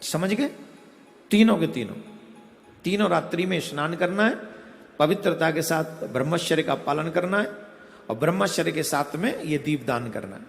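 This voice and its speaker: A man preaching a devotional discourse, giving slow, step-by-step instruction. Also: a little high, expressive, gravelly. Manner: slow, instructive, chants a Sanskrit verse in a sing-song. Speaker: spiritual preacher. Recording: echoey hall with faint music behind.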